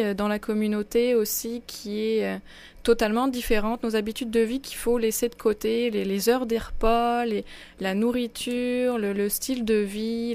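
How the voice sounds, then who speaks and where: A woman's voice: fairly high pitch, a little mellow. A woman from France, a guest on an interview program who talks about her experience in a thoughtful, searching way with frequent restarts. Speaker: guest, immigration project officer. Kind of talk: conversational interview.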